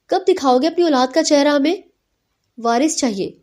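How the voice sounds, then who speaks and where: A woman's voice: high voice, mellow. A woman voicing a fussy older mother-in-law who nags and scolds in a motherly way. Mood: scolding. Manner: nagging, motherly.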